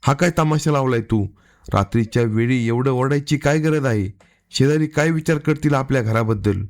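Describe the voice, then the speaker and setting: A man's voice: medium pitch, normal speed, lightly acted. A man voicing a stern, angry husband in a narrated crime story. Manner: harsh, commanding.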